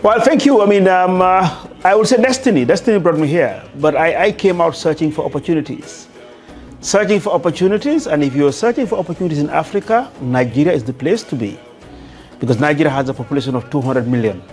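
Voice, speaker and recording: A man's voice: fairly high pitch, lively intonation, fast, a little mellow, soft background music. A man in his sixties with a Gambian accent telling his story conversationally as an interview guest, often repeating phrases as he starts. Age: 60s. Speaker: interview guest, construction entrepreneur.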